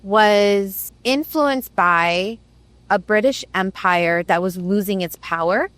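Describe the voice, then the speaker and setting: A woman's voice: mid-range voice, slow pace, fairly bright tone, no echo. A woman host raised in the Middle East, musing thoughtfully in conversation with many "right"s and "like"s. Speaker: podcast host. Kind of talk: reflective conversation.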